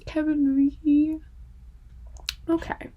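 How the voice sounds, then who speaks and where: A woman's voice: high-pitched, flat delivery, drawn-out words, phone-quality sound. A young woman vlogging in a casual, rambling way, emotional, with lots of fillers and some swearing. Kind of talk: casual chat to camera.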